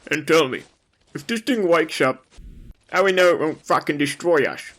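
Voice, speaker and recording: A man's voice: fairly high pitch, lively intonation, moderate pace, fairly bright tone. A man voicing a skeptical, foul-mouthed soldier who scoffs at talk of magic. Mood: blunt scoffing. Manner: scoffing, swearing.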